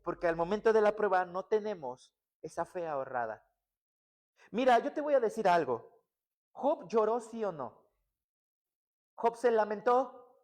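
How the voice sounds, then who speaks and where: A woman preacher with a Mexican accent giving a Sunday sermon, asking the congregation rhetorical questions and swinging from hushed lows to loud, emphatic peaks.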